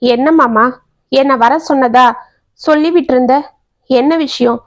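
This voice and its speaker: A woman's voice: sits high, fairly even intonation, unhurried, dry recording. A woman voicing a sorrowful young woman who holds back her grief. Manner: soft, tearful.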